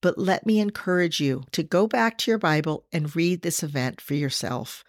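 A woman hosting a devotional podcast, speaking earnestly to listeners and slowing down to stress scripture. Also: sits low, dry recording, clean studio sound. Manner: addresses listeners directly. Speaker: podcast host.

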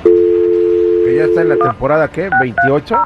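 A man co-hosting a morning radio prank segment with quick, wisecracking banter. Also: a little high, lo-fi sound, over loud music. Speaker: radio co-host.

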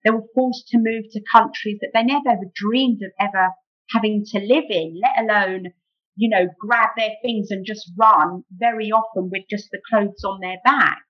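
A middle-aged British woman talks casually as a guest in a conversational interview, sprinkling "you know" throughout. Her voice is medium in pitch, steady in tone, and moderately paced, though the audio comes across muffled and dull.

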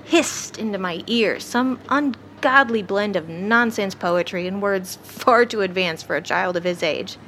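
A woman voices a wry, haunted, sleepless ER doctor who narrates a horror audio drama in the first person, serving as both narrator and lead character. Her delivery is brooding, uneasy, and literary, in a natural, medium-pitched voice. She speaks unhurriedly with hardly any pauses, over some background noise.

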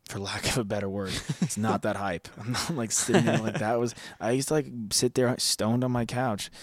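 A man co-hosting a podcast in casual chat, animated and swearing, full of "like" fillers. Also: fairly low pitch, moderate pace, no echo, studio quality. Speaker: podcast co-host.

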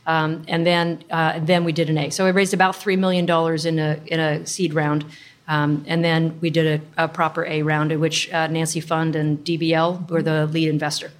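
A woman's voice: low-pitched, flat delivery, normal speed. A middle-aged woman speaking as a startup founder in an interview, explaining things informally with plenty of industry jargon. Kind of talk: conversational interview storytelling.

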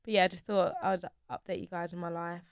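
A woman's voice: fairly low pitch, little pitch movement, fast talker, clear, resonant tone, no room sound, clean studio sound. A woman with an urban London accent and lots of street slang, hosting a podcast in a casual, playful chat. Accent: London, urban multicultural slang. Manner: slangy, playful, repeats phrases for emphasis. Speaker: podcast host.

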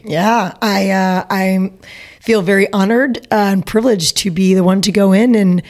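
A woman's voice: medium pitch, fairly even intonation, moderate pace, a little mellow. A woman co-hosting a local podcast, playful and teasing, often laughing. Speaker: podcast co-host. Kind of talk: casual interview.

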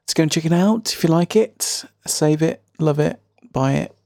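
A man's voice: fairly high pitch, normal speed, darkish tone, no echo, clean studio sound. A man with a faint Birmingham accent hosting a casual solo music podcast, chatty, rambling and self-deprecating. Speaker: podcast host.

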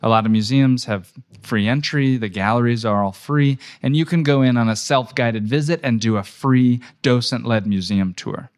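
A man speaking as a tour business guest in a podcast conversation, energetic and emphatic, often asking rhetorical questions. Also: medium pitch, normal speed.

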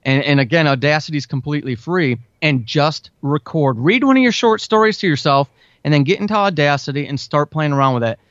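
Brisk and a bit bright, this higher-pitched man talks casually in an interview, handing out advice as a podcast guest who writes and makes audio drama podcasts. The sound is dull, lo-fi, and dry, recorded up close.

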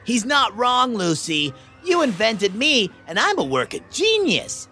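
Bright, boastful little alien creature. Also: female voice, a little high, huge pitch swings, a little slow, soft background music, exaggerated voice. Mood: sassy, boastful. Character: small sassy boastful robot-like alien creature, showbiz star. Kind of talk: children's audio story acting.

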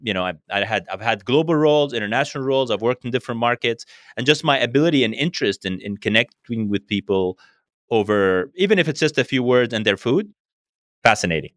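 Speaking fast and with animation, a Syrian-born man whose first language is Arabic, and who grew up partly in Spain, responds to interview questions casually, echoing words while he thinks. His mid-range voice has a fairly bright tone, recorded cleanly in a studio with no echo.

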